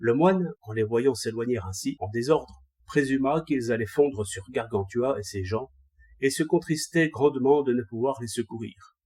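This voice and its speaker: A male audiobook narrator with a husky, dark voice delivers scripted narration of a classic text. His pitch is medium and his pace moderate.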